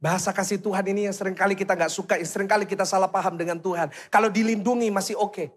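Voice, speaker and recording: A pastor with a fairly high voice and a lilt gives a lively, very fast sermon. He preaches with animation, firing questions at the congregation and briefly acting out voices to drive his point home.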